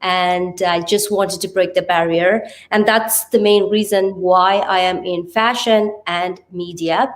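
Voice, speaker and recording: The recording quality is low, and the woman's voice is fairly low in pitch. Speaking with a Sri Lankan accent, she is a TV presenter and radio host guesting on a podcast, earnestly introducing herself and explaining things one phrase at a time in conversational interview style.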